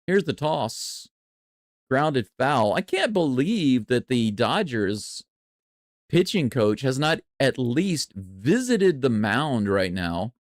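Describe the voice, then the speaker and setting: A man doing live baseball play-by-play and reaction in a chatty, excitable way. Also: medium pitch, slow pace, no echo, studio quality. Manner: excitable, chatty, jumps from calm to loud cheering. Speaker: play-by-play streamer.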